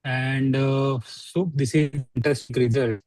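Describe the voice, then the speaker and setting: A man speaking as a doctor on an online panel, his voice breaking up and going distant over a poor network connection. He talks in a halting way, with fillers, and the line is dry and close despite the drop-outs. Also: mid-range voice, steady tone, a little mellow, no echo. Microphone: video call.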